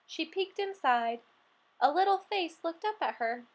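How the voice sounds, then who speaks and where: A woman reading a children's picture book aloud in a high, bright-toned voice. She goes slowly and swoops up and down in pitch, playing up every line and the animal noises. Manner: expressive, acts out animal sounds. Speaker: storybook reader.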